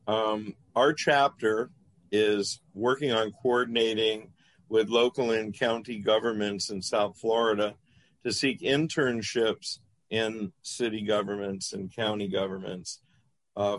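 A male interviewer with a slightly low voice asks prepared questions. His delivery is measured and formal, and the sound is dry and close. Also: steady tone, no room sound.

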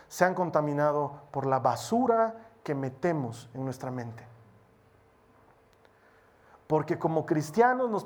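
An earnest preacher delivers a sermon in a mid-pitched voice. The delivery is exhorting, sometimes rushing ahead and sometimes slowing down to stress a point. Short prayers and bits of dialogue are acted out along the way. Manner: earnest, exhorting, speeds up and slows down for emphasis.

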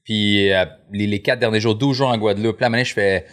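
A man's voice: on the low side, fairly even intonation, fast talker, a bit bright. A man in his thirties with a Quebec French accent, a podcast guest talking casually, laid-back and swearing often. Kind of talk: casual chat.

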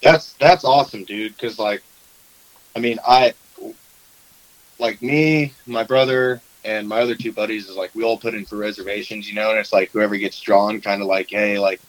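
A man in relaxed conversation, spinning hunting anecdotes with animated quoted dialogue. His voice sits on the low side. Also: moderate pace, poor audio. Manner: animated storyteller, acts out quotes. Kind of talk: casual chat about duck hunting.

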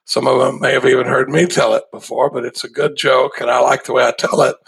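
A man, telling his story as an interview guest in a relaxed, folksy way with a gravelly, husky voice. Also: mid-range voice, quick pace, slight background noise, rough recording. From Dallas, Texas. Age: 60s. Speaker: guest in recovery. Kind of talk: conversational storytelling.

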